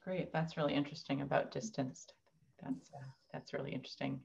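A woman moderating a webinar, reading out audience questions with polite, brief thanks. Her voice is low and gravelly with vocal fry. The audio is dull and lo-fi, as on a video call. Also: steady tone, a little fast, darkish tone. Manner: polite, brief, filler-heavy.

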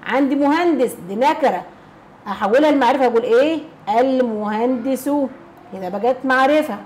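A woman's voice: sits high, lively intonation, quick pace, darkish tone, slight background noise, rough recording. An Egyptian woman teacher explaining a lesson, who keeps asking rhetorical questions, answers them herself and repeats key phrases. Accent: Egyptian Arabic.

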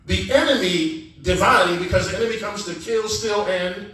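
A man preaching a sermon as guest preacher, animated and calling out to the congregation for responses. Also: high voice, normal speed. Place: church sanctuary. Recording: echoey church sound from a distance.

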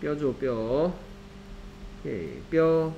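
A man with a Korean accent tutors a student in a one-on-one phonics drill. He prompts with short, brisk cues and stays patient. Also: a little high, animated, vocal fry, dull audio, slight background noise.

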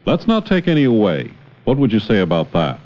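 On a dull, noisy old 16mm film soundtrack full of clicks and heavy film noise, a man teaches a child in an educational film, encouraging and full of questions. His voice is fairly low with huge pitch swings, fairly quick and a little mellow, the voice of a teacher and narrator.

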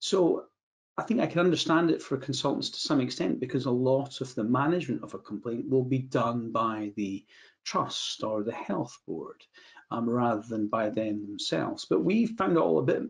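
Middle-aged Scottish male adviser, measured webinar talk over video call, restarts phrases. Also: medium pitch, vocal fry. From Scotland. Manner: measured, repeats words when restarting phrases. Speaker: medico-legal adviser. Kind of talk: webinar presentation. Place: indoor room, video call.

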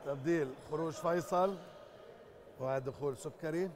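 A man's voice: on the high side, normal speed, crowd noise. A man with a Jordanian Arabic accent doing live basketball commentary from an indoor gym. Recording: noisy indoor sports hall. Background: clear gym noise, bouncing basketball.

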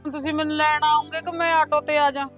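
A woman acting out a stubborn, wounded elder sister with a slightly high voice. She pleads her case with reproach in a short family film, with faint music underneath. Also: level tone, brisk, lightly acted. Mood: eager. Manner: complaining and reproachful.

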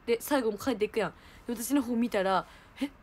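A young woman, hosting a livestream and telling a story in animated casual chat. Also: fairly high pitch, quick pace. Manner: animated storytelling, laughing, exclaiming. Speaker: idol livestream host.

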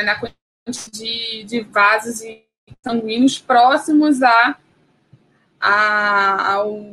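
A woman's voice: fairly high pitch, fairly bright tone, slight background noise, rough recording. A woman from Brazil giving an academic biology lecture, hesitant, with many fillers and restarts.

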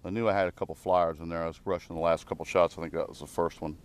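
A man's voice: low voice, fairly even intonation, very fast, clean tone. A middle-aged man demonstrating a firearm at an outdoor range, explaining in a plain, matter-of-fact way with frequent ums, recorded on a camera mic. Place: outdoor shooting range in open field. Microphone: camera mic on tripod.

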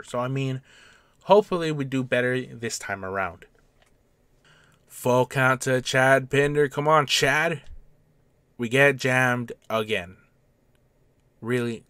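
A man giving let's-play commentary on a baseball video game, getting excited on big plays and taunting his opponent. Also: clear, resonant tone, no echo. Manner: excitable, jumps to loud highs on big plays.

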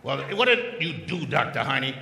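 Bright, forceful male stage comedian. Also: mid-range voice, big pitch swings, normal speed, creaky. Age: middle-aged. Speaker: comedian ventriloquist. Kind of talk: live stage comedy patter. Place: large theatre stage. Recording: echoey theatre PA, long reverb.

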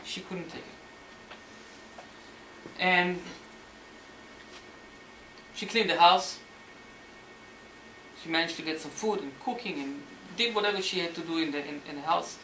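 A man lecturing on history as a story, animated and sometimes searching for words, acting out the quotes. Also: on the high side, unhurried, long pauses. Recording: roomy hall, mic at a distance, faint noise.

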